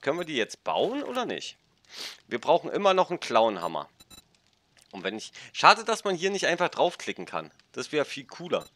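A man's voice: mid-range voice, a bit bright. A man casually rambling through funny anecdotes while commenting on a game, tagging his sentences and laughing along. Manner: rambling, chatty, constant "ne?" tags, laughs at own stories. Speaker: let's play streamer. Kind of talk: casual gameplay commentary and storytelling.

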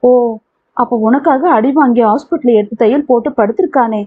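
Female reader voicing a teasing, blunt girlfriend; high, breathy. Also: normal speed. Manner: teasing, scolding. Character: teasing, blunt young woman friend. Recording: tinny phone-like audio.

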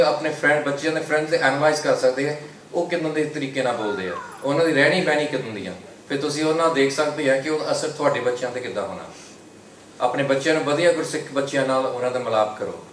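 Man preaching in a roomy hall. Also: mid-range voice. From United Kingdom. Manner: exhorting, repeats slogans in English between Punjabi. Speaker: Sikh preacher. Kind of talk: religious lecture to a congregation. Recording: roomy hall from a distant mic with faint hiss.

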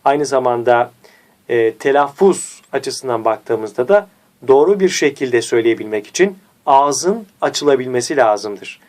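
A man's voice: animated, a little mellow. A man teaching a diction lesson, speaking didactically and repeating key points to his viewers. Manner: varies pitch and slows for emphasis. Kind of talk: instructional video lesson.

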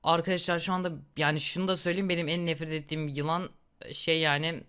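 A young man in his twenties chats through a gory game with a bright, forceful voice. He reacts loudly and laughs often. His tone is smooth and clear. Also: fairly high pitch, flat delivery, fast. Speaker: gaming YouTuber. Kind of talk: casual gameplay commentary.

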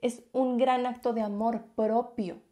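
Woman, fairly high voice, heartfelt and emphatic motivational vlogger. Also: fairly even intonation, unhurried, warm tone. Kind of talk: motivational talk to camera.

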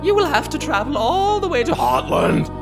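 A gentle, motherly goat queen from a game , put on by a man, speaks in a stately, formal way. Her voice glides high and low. Game music plays behind her. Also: huge pitch swings, normal speed, gravelly, full character voice. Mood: kindly.

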